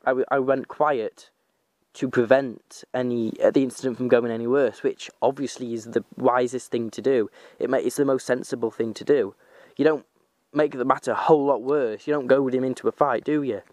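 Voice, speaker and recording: A young vlogger from North Wales with a slight Manchester accent films himself outdoors on a handheld camera, chatting informally, rambling and correcting himself as he goes. His mid-range voice is darkish, fairly even in intonation, and at normal speed, with no room sound.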